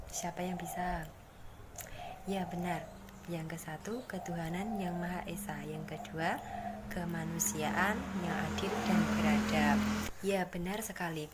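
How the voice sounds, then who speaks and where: A young woman with a fairly low voice teaches a practice classroom lesson as a student teacher. She speaks softly, with a partly breathy tone. The recording carries clear background noise. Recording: noisy recording with background hum.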